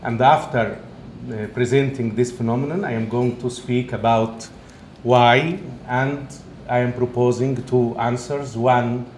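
A man with an Egyptian accent tinged with Italian, a native Arabic speaker, giving an academic lecture in halting English. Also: medium pitch, fairly even intonation, darkish tone. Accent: Egyptian, with some Italian. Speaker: guest speaker, professor. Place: indoor event room, talk being filmed. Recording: roomy echo, faint background noise.

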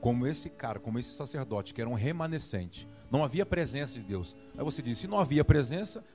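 A man's voice: mid-range voice, fast talker, faint music behind. A man with a Brazilian Portuguese accent preaching a sermon, acting out dialogue and prodding the congregation. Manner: animated, acts out dialogue and prods the congregation.

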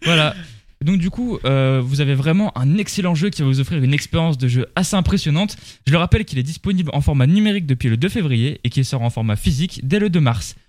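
A man's voice: fairly high pitch, animated, fast talker, few pauses, a little mellow, no echo, studio quality. A young man as a podcast guest, casually presenting a game in a chatty, slangy half-read way. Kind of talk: casual podcast chat, reading a game review.

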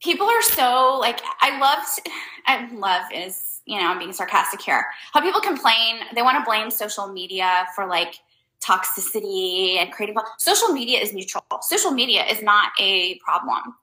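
A woman hosts a casual life-advice talk for her viewers, rambling loosely and leaning on "um" and "like" while making blunt, emphatic points. Her medium-pitched voice is animated and sharp, at a moderate pace. The low-quality recording sounds roomy.

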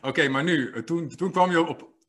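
A man hosting a podcast, telling stories in a lively, playful way and laughing often. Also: on the high side, moderate pace. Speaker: podcast host. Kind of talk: casual podcast conversation.

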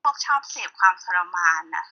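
A woman's voice: moderate pace, sharp tone. A woman co-hosting a podcast, chatting casually and recommending a film with enthusiasm. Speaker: podcast co-host. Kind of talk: casual chat. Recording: dull lo-fi sound.

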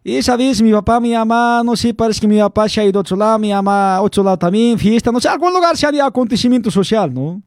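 A man's voice: sits high, quick pace, hardly any pauses, dry recording, studio quality. A young man rambling through a personal story, chuckling often and calling his listener by slang nicknames. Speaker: vlog host telling a story. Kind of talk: casual storytelling to camera.

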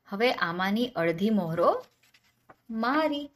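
A woman's voice: on the high side, expressive, slow, pitched above the performer's own voice. A woman voicing a clever, penniless young man in a folk tale, cheeky and self-assured, answering questions with questions. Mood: sly.

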